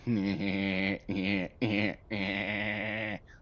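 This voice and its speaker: Male gaming streamer, low-pitched, chatty and sidetracked, slightly muffled lo-fi stream audio. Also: big pitch swings, very slow, creaky, fairly bright tone. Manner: rambling, easily sidetracked, chatty with a viewer. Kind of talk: casual livestream chat.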